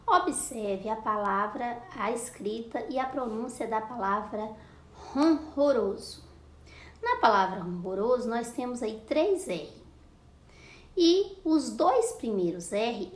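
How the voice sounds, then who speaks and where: A higher-pitched woman talks young pupils through a lesson at an unhurried pace. She repeats words and sounds out syllables with patience. Her voice echoes around a room with a faint hum of ambience behind it. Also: expressive. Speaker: primary school teacher. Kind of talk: recorded classroom lesson for children.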